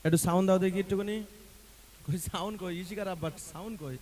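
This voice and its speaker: A man's voice: high-pitched, quick pace, darkish tone. A man on stage coaxing and teasing the audience affectionately, breaking into devotional song between remarks. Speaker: stage singer and announcer. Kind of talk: live stage banter mixed with devotional singing. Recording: echoey stage sound with music.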